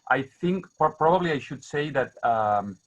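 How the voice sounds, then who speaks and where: A man with a Catalan accent speaks halting, non-native English, searching for words and repeating himself as he talks informally about his writing. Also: mid-range voice, lively intonation. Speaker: guest poet. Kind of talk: informal talk about own writing at an online book launch. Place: remote video call. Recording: dull, muffled video-call audio.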